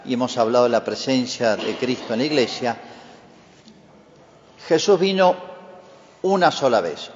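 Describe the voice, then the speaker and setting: A man's voice: medium pitch, slight background noise. Male priest for a didactic church homily; mid-range voice, muffled sound, big cathedral reverb. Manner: didactic, asks and answers his own questions. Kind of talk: Gospel reading and explanatory homily. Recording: muffled, long cathedral-like echo.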